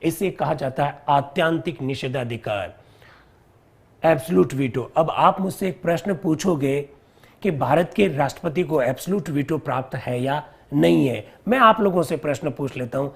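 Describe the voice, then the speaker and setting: A man teaching a live online civics class, walking through each point step by step and putting questions to his viewers. His voice sits a bit high for a man and has a gravelly, husky edge. He keeps circling back to the key terms. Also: normal speed.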